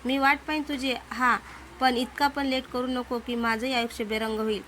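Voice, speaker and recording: A woman's voice: on the high side, little pitch movement, moderate pace, a bit bright, slight background noise, close to an everyday voice. A woman voicing a confident young male office boss who coaxes and insists. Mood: persuasive. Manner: coaxing, insistent.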